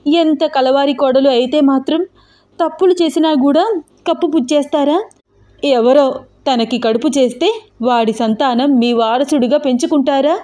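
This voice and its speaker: Woman narrator doing scheming middle-aged wife, wailing, accusing, high-pitched, storybook drama. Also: moderate pace, a little mellow, close to an everyday voice. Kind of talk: storybook acting.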